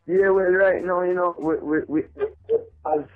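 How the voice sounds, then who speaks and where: A man's voice: high-pitched, fairly even intonation, measured pace. A male reggae artist, calling in by phone to a radio show and talking in a loose, rambling way with many "you know what I mean"s. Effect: over the phone. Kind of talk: phone interview, casual. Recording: tinny phone line, faint music behind.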